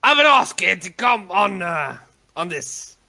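A man voicing a calm, courteous male official in a tabletop game, in a slightly raised, bright voice. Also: high-pitched, slow pace, vocal fry, pitched above the performer's own voice, heavily acted.

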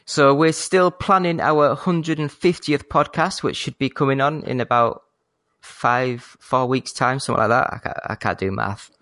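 A man's voice: medium pitch, fairly even intonation, a bit bright, no echo. Yorkshire man hosting a gaming podcast. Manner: polite, measured phone-trained manner. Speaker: podcast host. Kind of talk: casual gaming podcast chat.

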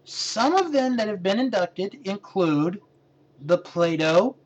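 A man co-hosting a podcast in a relaxed, casual chat, often restarting his sentences. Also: sits high, slow, lo-fi sound. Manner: relaxed, hesitant, trails off with restarts. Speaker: podcast co-host.

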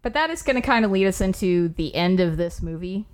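A woman's voice: on the low side, expressive, fairly quick, a little hiss or hum. A woman co-hosting a casual movie podcast, talking in a chatty way with casual swearing and quotes acted out. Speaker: podcast co-host. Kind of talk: casual movie review chat.

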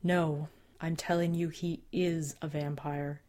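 A woman voicing a calm, formal male agent who speaks in a careful, deadpan way. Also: low-pitched, slow pace. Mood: measured.

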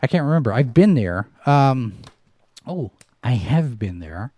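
A middle-aged man chats his way through a livestream with a mellow, warm tone. He rambles and restarts often, recorded dry and close on a headset mic. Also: mid-range voice, big pitch swings, a little slow, no room sound. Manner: rambling, with frequent restarts and fillers. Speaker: livestream host. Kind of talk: casual livestream chat. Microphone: headset microphone with headphones.

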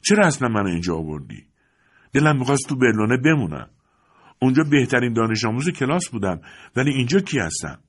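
A man with a husky voice voicing a proud, frustrated Italian teenage boy in an audiobook, pushing out indignant, pleading outbursts. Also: lowish voice, lightly acted. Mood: bitter. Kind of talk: audiobook character voice.

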